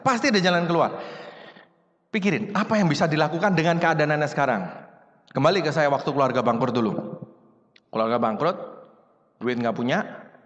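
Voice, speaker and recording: A man's voice: a little high, long reverb tail, highs cut off. A man giving a conversational motivational talk to an audience, acting out little dialogues as he goes. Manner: conversational, addresses audience as Bapak Ibu, acts out dialogues. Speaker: motivational speaker.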